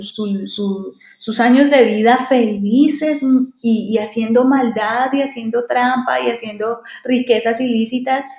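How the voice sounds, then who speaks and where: A woman's voice: a little high, darkish tone. A woman giving a devotional Bible study, reading verses and explaining them with many rhetorical questions. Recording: echoey, dull lo-fi recording.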